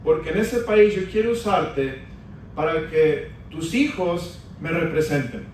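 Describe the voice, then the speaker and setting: A man's voice: fairly high pitch, measured pace, a little mellow, slight background noise. A man preaching a sermon as pastor, rising into emphatic stretches as he calls on the congregation. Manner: preaching with emphatic rises, addressing the congregation as brothers. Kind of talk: Spanish-language sermon. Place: large church hall. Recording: echoey church hall from a distance.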